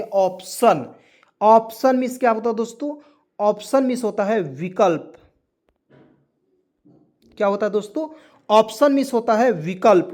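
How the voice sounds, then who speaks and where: Man teaching, quizzing viewers. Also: sits high. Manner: spells words letter by letter and quizzes viewers with repeated questions. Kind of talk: spoken language lesson for viewers.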